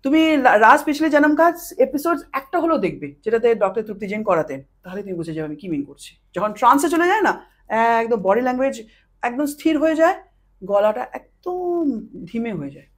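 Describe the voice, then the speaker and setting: A woman with a fairly high, hoarse voice from a long day of talking, recorded on a podcast mic. She explains in a lively, expressive way and swings between a bright, emphatic tone and a slow, hushed murmur. Her delivery stays conversational and earnest throughout. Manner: explains animatedly, drops to a slow soft voice when showing trance speech. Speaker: past life regression practitioner. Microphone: podcast studio mic.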